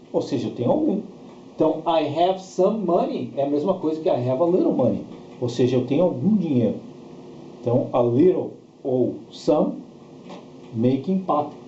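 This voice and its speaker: Faint noise runs through a dull, roomy recording of a Brazilian-accented man teaching bilingual English grammar. His voice is fairly high yet dark in tone, and he explains didactically, repeating things and posing short check questions.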